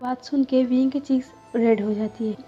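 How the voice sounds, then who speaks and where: Woman reading out a fanfic story, kinda husky and high, muffled lo-fi sound with faint music behind. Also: normal speed. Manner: plain even storytelling, quoting each line of dialogue. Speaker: channel host and story narrator. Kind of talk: reading a fan fiction story aloud. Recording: dull lo-fi recording with faint music. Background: faint background music.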